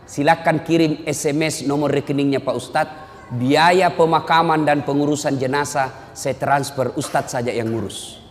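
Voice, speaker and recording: A man voicing a rich adult son who answers in a flat, low, dismissive way. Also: fast talker, big-room sound. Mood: cold, dismissive. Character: rich indifferent adult son, curt and cold.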